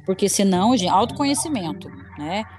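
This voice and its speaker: A woman in her thirties hosting a casual podcast chat, expressive and jokey, swearing frankly. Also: mid-range voice, brisk, music in the background. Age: 30s. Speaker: podcast host.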